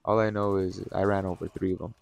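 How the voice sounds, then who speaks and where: A man's voice: low voice, level tone, fast, vocal fry, darkish tone, no room sound. A tired, burnt-out man talking casually from home in a rambling, laid-back vlog monologue, swearing now and then. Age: adult, has kids and a wife. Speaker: vlogger. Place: at home, sitting in a chair.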